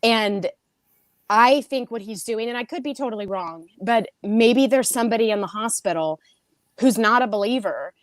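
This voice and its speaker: A woman's voice: a little high, moderate pace, no echo. A woman sharing casual personal testimony as a guest, thoughtful and hesitant in how she puts things. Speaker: guest, patient sharing her faith.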